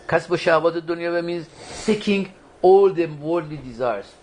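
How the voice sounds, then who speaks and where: In a lecture room at a community foundation, a man leads a religious study session for a small group, speaking conversationally, quizzing his listeners, and frequently restarting sentences. His pitch is fairly high, his pace moderate, and his tone darkish, with a little hiss or hum in the audio.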